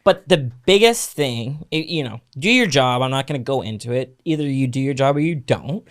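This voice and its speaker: A man's voice: mid-range voice, animated. A man co-hosting a casual podcast as a realtor. He talks bluntly, swears a lot and throws in jokingly mean remarks. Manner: blunt and heavily profane; jokingly mean, mocks people in quick impressions.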